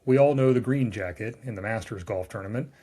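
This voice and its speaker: A man's voice: on the low side, a little fast, mellow. A man, a lawyer reading a scripted explainer with wry, dry asides. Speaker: trademark lawyer recapping a newsletter.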